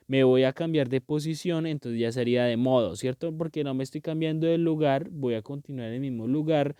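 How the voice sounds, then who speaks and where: A man's voice: mid-range voice, mellow, smooth, no room sound, clean studio sound. A man teaching a grammar lesson, patient and explanatory, checking often that his students follow. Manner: patient, repeats "¿cierto?" and "¿listo?" to check understanding.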